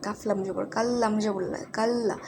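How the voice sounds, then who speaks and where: A woman teaching Quran reading, spelling out syllables letter by letter in a slow, patient lesson with short explanations between. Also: medium pitch, fairly even intonation, music in the background. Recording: clear background noise.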